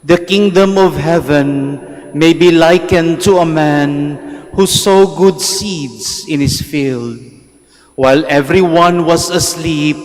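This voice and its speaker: Filipino man, priest, higher-pitched voice, solemn liturgical delivery, long cathedral echo. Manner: solemn, measured. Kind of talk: liturgical Gospel reading and homily. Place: large church.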